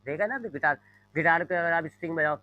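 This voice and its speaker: Faint music sits behind a fast-talking man with a slightly high voice, and the microphone audio is dull with no echo. A physics teacher in a classroom, he works through repeated everyday examples while drawing on a board, peppering his speech with "जी" and English terms.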